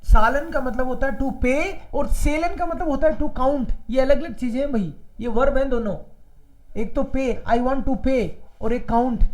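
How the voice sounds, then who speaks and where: A man's voice: very high-pitched, unhurried, low-quality recording. A man from India teaching an online German class, repeating each word and mixing Hindi with English.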